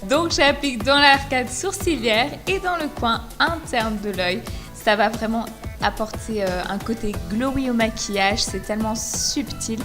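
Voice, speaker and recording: A woman's voice: on the high side, measured pace. Woman narrating a makeup tutorial. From France. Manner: steady, explanatory, enthusiastic about products. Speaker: beauty vlogger. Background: music.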